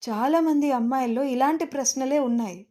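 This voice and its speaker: A woman's voice: high voice, a little fast, mellow. A woman narrating a first-person audio story with emotion, turning to speak directly to her listeners.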